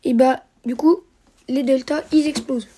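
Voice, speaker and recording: A woman's voice: sits high, steady tone, moderate pace, mellow, breathy edge. A woman narrating a strategy game replay for viewers, hesitant, with many fillers and self-corrections. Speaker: gameplay commentator.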